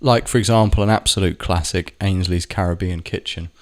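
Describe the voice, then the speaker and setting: A man's voice: low-pitched, fairly quick. A man telling a rambling, sweary personal story to camera, often stopping to correct himself. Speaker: vlogger. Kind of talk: casual storytelling monologue.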